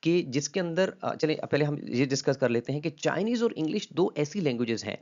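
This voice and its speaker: A man's voice: a little high, lively intonation, fairly quick, darkish tone. Patient man lecturing on linguistics. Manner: patient, repeats key terms, checks in with "ठीक है?"; mixes English terms into Hindi-Urdu speech. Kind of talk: explanatory lecture. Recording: slightly dull lo-fi audio.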